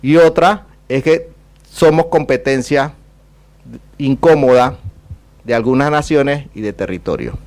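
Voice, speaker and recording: Male diplomat, Caribbean Spanish accent of Panama, mid-pitched, discursive and rhetorical public speaker. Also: a little slow, pauses often, a little mellow. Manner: discursive, rhetorical questions, emphatic repetition. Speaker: ambassador giving a talk. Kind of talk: public talk with question and answer.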